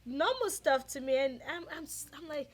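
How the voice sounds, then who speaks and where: Speaking at a normal speed in a high-pitched voice, a Yoruba-speaking Nigerian co-host with a Nigerian accent joins a casual discussion. She is animated, frequently restarting her sentences and slipping into quoted voices.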